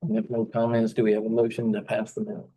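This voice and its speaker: A man presiding over a town council meeting, calling agenda items and votes in a relaxed, polite way. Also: on the low side, poor audio. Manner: relaxed and polite, moves items along briskly. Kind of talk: procedural meeting chairing.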